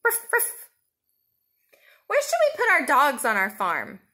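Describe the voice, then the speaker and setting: The speaker is a preschool teacher, a woman in her thirties, guiding a children's counting lesson with simple, sing-song, toddler-directed talk, questions, and pauses for replies. Her pitch sits high with huge swings, and her tone is sharp.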